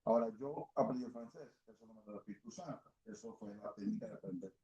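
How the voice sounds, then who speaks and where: A man's voice: lowish voice, quick pace, warm tone, breathy edge, muffled recording. A man from El Salvador teaching a Sunday school class at church, speaking conversationally and often checking in with his listeners. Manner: mixes in English words.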